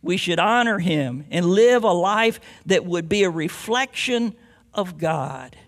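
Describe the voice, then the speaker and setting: A man's voice: high-pitched, animated, takes it slowly. A man preaching a sermon as a pastor, mixing scripture with homely stories and rising to emphatic declarations.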